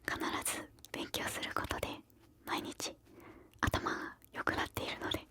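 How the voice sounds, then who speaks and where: Close, bright ASMR whisper from a woman. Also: moderate pace. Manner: whispers throughout, soft and breathy; encouraging, gentle advice-giving. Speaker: ASMR host answering viewer questions.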